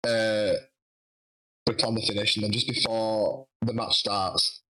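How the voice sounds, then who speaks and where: Bright-voiced young man telling stories. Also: on the low side, measured pace, low-quality recording. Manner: animated anecdote-telling with many restarts. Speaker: wrestler guest. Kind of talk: casual storytelling.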